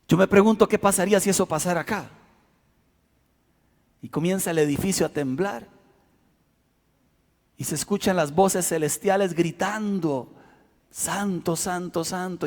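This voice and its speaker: Male pastor, high-pitched, theatrical delivery, church hall reverb. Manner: dramatic, acts out shouts and quotes. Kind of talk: sermon with personal story.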